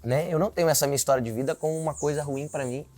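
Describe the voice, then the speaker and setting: A man's voice: a little high, steady tone, racing, a little mellow. A man in his twenties, a city council candidate, earnestly telling his life story in an interview, often adding filler tags. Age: 20s.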